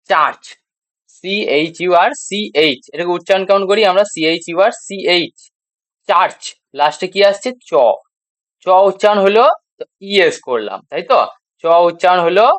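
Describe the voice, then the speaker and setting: With a Bengali accent, a man teaches beginners English grammar in a classroom lesson, spelling out word endings, repeating the letters, and posing rhetorical questions he answers himself. His high voice is fairly bright and lively, with normal speed, frequent pauses, and no echo.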